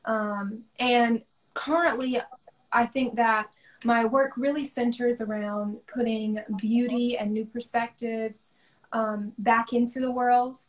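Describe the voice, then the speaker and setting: A woman's voice: a little high, steady tone, slow. A young woman from the American South, an artist talking thoughtfully about her work over a video call, with frequent ums. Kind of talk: casual conversation on a livestream.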